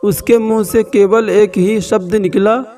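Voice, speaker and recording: Slow dramatic male horror storyteller. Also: sits high, fairly even intonation, mellow, recorded from a distance, faint music behind. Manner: slow and dramatic with long pauses. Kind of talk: scripted horror narration.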